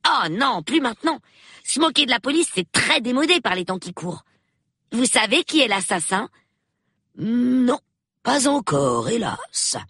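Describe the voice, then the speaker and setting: Brief: cheeky, high-pitched boy voiced by a woman for an audiobook, quick and eager. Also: sing-song, a bit bright, husky, dry recording, studio quality, exaggerated voice. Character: cheeky, excited young boy. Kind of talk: audiobook reading.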